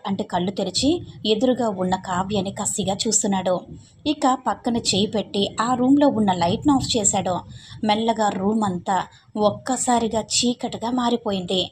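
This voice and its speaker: A woman's voice: mid-range voice, steady tone, normal speed, a little mellow, a little hiss or hum. A woman narrating a dramatic story, often correcting herself mid-sentence.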